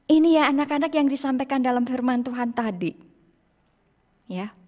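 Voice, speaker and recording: A woman's voice: mid-range voice, a little mellow. Woman telling a Bible story in a hall. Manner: storytelling with many "ya" and "gitu, ya" tags, acting out cries. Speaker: teacher leading school worship. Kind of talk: children's Bible story sermon. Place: school hall. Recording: long hall reverb.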